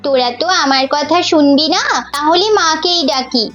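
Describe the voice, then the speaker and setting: A woman's voice: sits high, normal speed, fairly bright tone. A woman voicing a sensible young older sister who warns the little ones and calls for their mother. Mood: tattling. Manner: cautious and tattling. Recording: slightly muffled with faint music.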